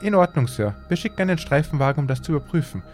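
A man voicing a calm, businesslike female emergency dispatcher in a read-aloud horror story. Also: on the high side, rapid-fire, soft background music, pitched above the performer's own voice, close to an everyday voice.

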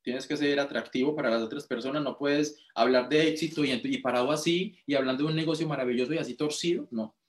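A man's voice: mid-range voice, quick pace, hardly any pauses. Emotional Colombian man telling his story. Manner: emotional, repetitive, animated. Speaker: motivational speaker. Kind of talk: personal testimony storytelling.

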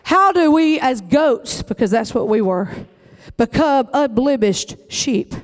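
High-voiced preacher man. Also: animated, slow pace. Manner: emphatic preaching, folksy Southern phrasing. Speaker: pastor. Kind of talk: sermon.

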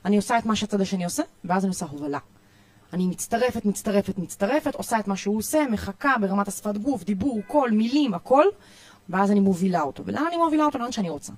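A woman youth coach with an Israeli accent, giving parenting tips in a podcast interview in an energetic, emphatic way, often repeating herself. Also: mid-range voice, no echo. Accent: Israeli Hebrew. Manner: energetic, repetitive, emphatic listing.

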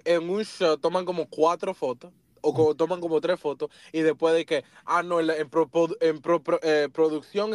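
Lively dude on a podcast, highish voice, dry close sound, makes camera click noises. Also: male voice, no room sound. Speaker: church photographer. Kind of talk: casual podcast chat.

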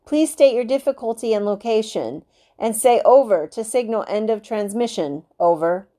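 A woman voicing a calm male radio operator who speaks in clipped, formal radio procedure. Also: on the high side, normal speed, close to an everyday voice. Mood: businesslike.

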